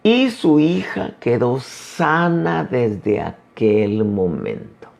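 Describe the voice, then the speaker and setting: A man preaching a sermon as an apostle, emphatic with dramatic pauses. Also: medium pitch, very animated, gravelly, darkish tone.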